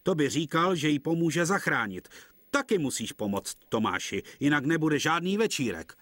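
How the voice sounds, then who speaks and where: A man's voice: on the high side, very animated, a bit bright, no echo, voice pushed up. A man voicing a stout, stern male railway boss with firm, fatherly speech in a children's TV cartoon.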